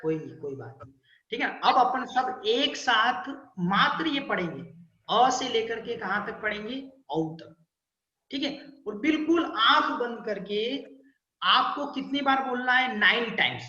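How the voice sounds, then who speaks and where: A man as a spiritual teacher, patiently explaining and leading a group through drawn-out chanted vowel sounds, often checking in with his listeners. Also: very high voice, very animated, bright, forceful tone, echoey room, dull audio.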